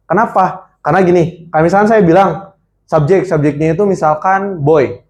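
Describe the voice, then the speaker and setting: This is a young man from leading a college seminar session, speaking into a handheld microphone. His voice sits slightly high for a man. He teaches in an animated, interactive way and keeps quizzing the audience.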